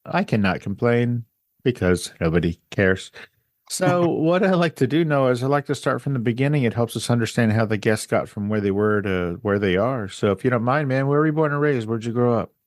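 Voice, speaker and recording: A man's voice: medium pitch, expressive, no echo, studio quality. A man from Texas hosting a podcast interview, asking questions in a casual, teasing way and cracking jokes. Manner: joking, teasing, fast questions. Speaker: podcast host.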